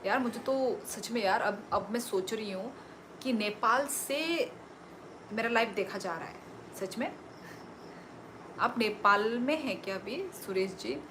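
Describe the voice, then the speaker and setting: A woman's voice: fairly high pitch, unhurried, pauses often, background noise. A young woman from Tripura, India, hosting a casual phone livestream, chatting, teasing viewers and laughing often as she reads their comments. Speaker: livestream host. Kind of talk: casual live-stream chat reading viewer comments.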